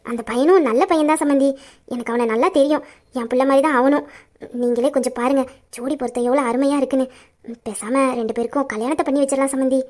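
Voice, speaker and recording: A woman's voice: high voice, fairly even intonation, quick pace, a little mellow, natural voice. A woman voicing an emphatic, doting middle-aged mother-in-law in an amateur audio drama. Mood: persuasive. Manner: emphatic, persuasive.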